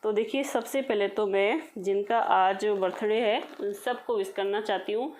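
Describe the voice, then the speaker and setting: A woman's voice: medium pitch, moderate pace, a little mellow, a little hiss or hum, rough recording. A woman in her thirties chatting casually to viewers in a home vlog, talking to them directly. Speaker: vlogger.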